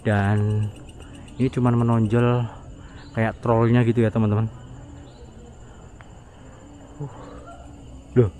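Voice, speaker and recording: An Indonesian man with a dark, mellow voice of average pitch narrates a casual night exploration vlog. He speaks haltingly, with murmured asides and exclamations, outdoors with audible insect noise behind him. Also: little pitch movement. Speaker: vlogger exploring an abandoned site at night. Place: outdoors in overgrown wooded area at night.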